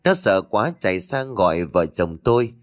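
Low-voiced man narrating a horror audiobook. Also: sing-song, moderate pace. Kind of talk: scripted narration of a horror story.

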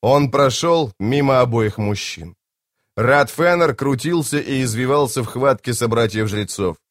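A man narrating a fantasy audiobook in a dramatic, expressive way. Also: medium pitch, unhurried, dry recording, clean studio sound. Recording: home-made audiobook.

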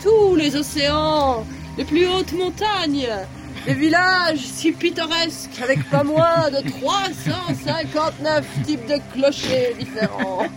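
A woman's voice: sits high, takes it slowly, over music. A delirious, feverish spy woman. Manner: rambling, drifting between whispers and outbursts. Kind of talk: radio drama acting.

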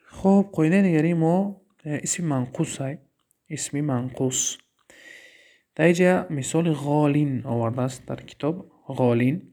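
A man with a Tajik accent teaches Arabic grammar, posing questions to himself and slowly repeating key terms. His voice is fairly high and mellow.

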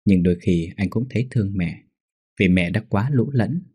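A man reading a scripted horror story in a steady, measured way. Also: low-pitched, breathy edge, no room sound.

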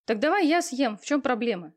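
A woman's voice: high-pitched, lively intonation, brisk, pitched above the performer's own voice. A woman reading a cheeky, cynical young friend. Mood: breezy. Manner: breezy, matter-of-fact, teasing. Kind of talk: audiobook character reading.

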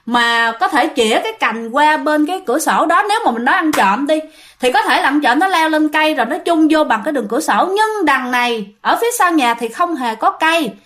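A woman with a Southern Vietnamese accent telling a ghost story, animated and often addressing her listeners directly. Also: high voice, fairly quick.

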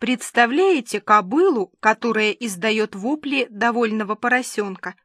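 A woman's voice: on the high side, expressive, normal speed, fairly bright tone, no echo, studio quality. A woman narrating a comic novel in the first person, in a wry, conversational storytelling manner. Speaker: audiobook narrator.

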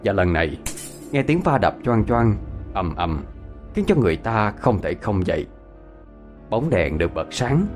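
Expressive male ghost story narrator. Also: on the low side.

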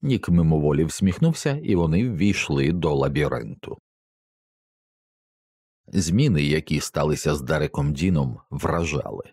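A man narrating an audiobook in a steady, measured reading. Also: very deep voice, breathy edge, no room sound, studio quality. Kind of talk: scripted narration.

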